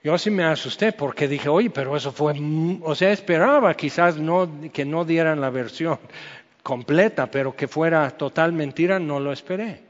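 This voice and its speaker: Mexican pastor guy preaching casual, kinda high voice, muffled sound. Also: normal speed. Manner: chatty, peppers speech with "o sea" and "¿ok?". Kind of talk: conversational sermon with storytelling. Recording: dull sound with long hall reverb.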